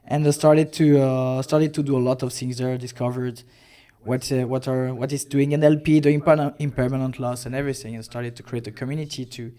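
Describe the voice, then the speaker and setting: A man in his thirties from Belgium sits in as a podcast guest. He tells his story in a relaxed, easygoing way, pausing on fillers and acting out what others said. His voice sits at an ordinary middle pitch. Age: 30s. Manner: relaxed storytelling with hesitant fillers and self-quoting. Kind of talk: casual interview chat.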